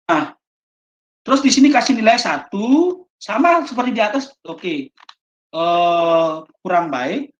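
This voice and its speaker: A woman with an Indonesian accent leading a teacher training session, explaining slowly and haltingly with many fillers. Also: medium pitch. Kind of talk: online training lesson. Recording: dull lo-fi audio.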